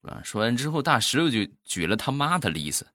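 A man's voice: mid-range voice, big pitch swings, brisk, pushed and bright, dry recording, studio quality. A man telling comic family stories in a casual, self-deprecating, wry way. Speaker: comic storyteller.

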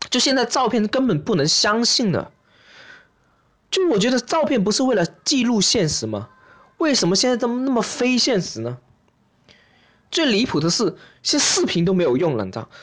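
A man hosting and performing an open-mic stand-up monologue, ranting in an exaggerated way and acting out little scenes. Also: high voice. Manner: animated, exaggerated, rants and acts out scenes. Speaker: stand-up comedian and host.

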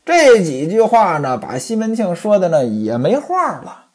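A woman telling a traditional story aloud, lively and speaking directly to her listeners. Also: lowish voice, measured pace, husky.

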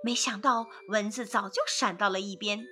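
A woman narrating a storybook for children in an expressive, sing-song way. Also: mid-range voice, moderate pace, faint music behind.

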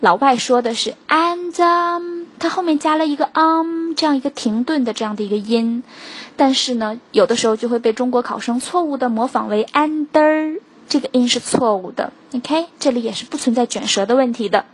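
A woman teaching English pronunciation in a recorded lesson, briskly explaining, then slowing right down to say example words. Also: on the high side, slightly rough. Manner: brisk, drawn-out slow demonstrations of words.

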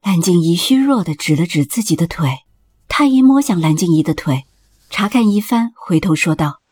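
A woman narrating a palace drama audiobook in a steady, expressive storytelling voice. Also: fairly low pitch, moderate pace, breathy edge.

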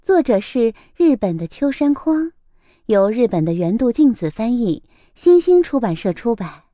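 A woman hosting a children's story program, reading a picture book aloud in a gentle, expressive way. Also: fairly high pitch, no echo, studio quality. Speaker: storyteller host.

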